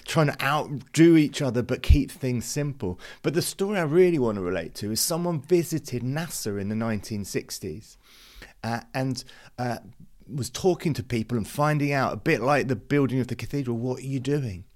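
A man's voice: mid-range voice, animated, moderate pace, a little mellow. Male podcast host from the UK, earnest and conversational, devotional talk with plenty of fillers. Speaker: youth ministry podcast host.

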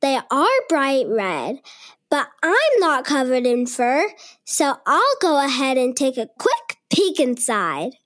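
A woman doing a high, curious little girl. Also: sing-song, slow pace, fairly bright tone, heavily acted.

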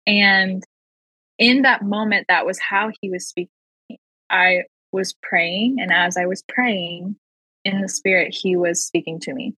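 A woman with a husky, slightly breathy voice tells her personal faith testimony as a podcast guest. She speaks earnestly and slows down to lean on the words that matter. The sound is close and dry, with little room around it. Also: mid-range voice, fairly even intonation, bright, forceful tone, no room sound, rough recording. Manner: earnest, slow and emphatic on key phrases.

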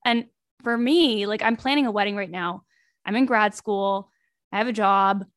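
A woman's voice: mid-range voice, normal speed, no echo, clean studio sound. A young woman in her twenties on a podcast panel, talking candidly and reflectively, with many likes. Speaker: podcast panelist, grad student. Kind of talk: casual podcast chat.

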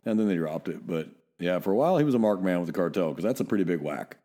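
A man's voice: low-pitched, lively intonation, fast, mellow. A middle-aged man from Northern California, a police officer co-hosting a podcast, telling blunt, profane stories in casual chat.

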